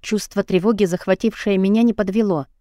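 A woman's voice: mid-range voice, fairly even intonation, fairly quick, warm tone, no room sound, clean studio sound. Woman narrating an emotional audiobook. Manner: emotional, dramatic first-person reading. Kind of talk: first-person audiobook narration.

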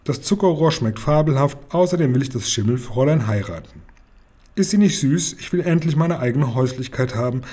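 A man voicing a stubborn male talking horse from a storybook, with slow, drawn-out speech. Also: medium pitch, lively intonation, warm tone, lightly acted.

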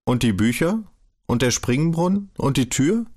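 A man's voice: mid-range voice, expressive, a little slow, pitched above the performer's own voice. A man reading an audiobook, voicing a naive, childlike young man who asks pressing questions. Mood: urgent questioning. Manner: urgent, pleading questions.

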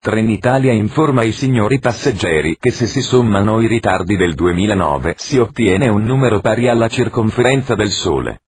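Male comic voice, low and husky, parodying a formal station announcer with a straight face. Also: fairly quick, hardly any pauses. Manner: formal announcer delivery with deadpan absurd jokes.

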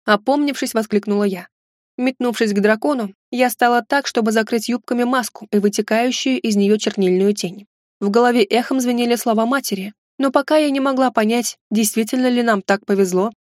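A woman narrating a first-person fantasy novel in an expressive storytelling manner. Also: dry recording, studio quality. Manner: expressive, raises pitch for heroine's exclamations. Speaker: audiobook narrator.

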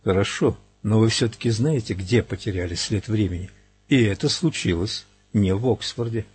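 A man reading as a blunt, earnest young man who presses his points hard. His voice is husky and fairly low, and it sounds dry and close to the mic. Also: normal speed, a little mellow, dry recording. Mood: wry. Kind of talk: audiobook character voice.

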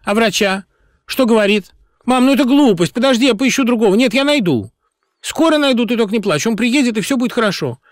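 A man's voice: very high voice, expressive, fairly quick, no room sound, studio quality, voice pushed up. A man voicing a quarrelsome woman company director who screeches in anger and turns frantic on the phone.

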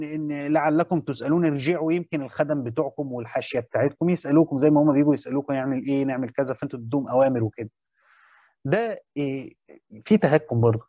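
Explaining a Quran commentary, an Egyptian-accented man teaches fast in a slightly high, raised voice with a dark tone. Key phrases come back again and again, and he frequently checks understanding with questions. There's no room sound, and the recording is dull and dry.

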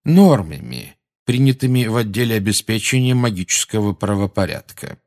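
A man voicing a calm, courteous old wizard who speaks in a polite, measured way in an audiobook. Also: fairly low pitch.

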